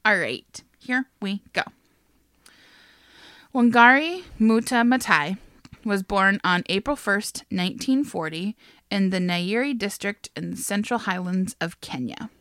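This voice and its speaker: Young woman podcast host, bright, dry close mic, casual storyteller who laughs and swears. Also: medium pitch, lively intonation, unhurried, no room sound. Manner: laughs often, swears, chatty. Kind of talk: casual chat, telling a biography.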